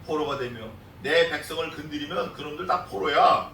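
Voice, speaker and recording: A man's voice: a little high, moderate pace, over music. A male pastor preaching an expository sermon in an emphatic, repetitive style. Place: church sanctuary. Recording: echoey church sound from a distant mic.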